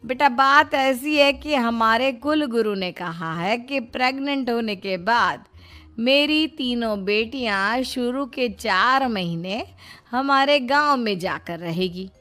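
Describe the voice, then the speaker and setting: A woman's voice: on the high side, takes it slowly, bright, forceful tone. A woman voicing a shrewd, affectionate middle-aged mother-in-law who admonishes and coaxes in a moral-story cartoon. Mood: coaxing. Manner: admonishing, coaxing.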